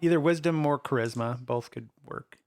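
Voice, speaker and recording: A man's voice: mid-range voice, moderate pace, darkish tone, no echo. A man narrating as game master of a tabletop role-playing game, laughing easily and slipping into character voices.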